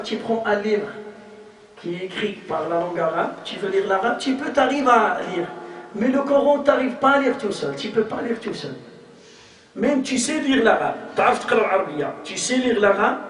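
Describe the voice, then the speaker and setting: High-voiced teacher in an echoey hall. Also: male voice. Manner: repetitive, emphatic, demonstrates pronunciation, asks rhetorical questions. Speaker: religious teacher. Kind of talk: religious lesson to a group. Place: hall of a community association. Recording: echoey hall, mic far off.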